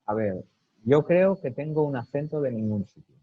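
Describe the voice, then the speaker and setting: A man from Spain with a neutral Castilian accent, speaking as a guest in a relaxed interview, thoughtful and hesitant with many fillers. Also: mid-range voice, moderate pace, no room sound, phone-quality sound. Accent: neutral Castilian Spanish.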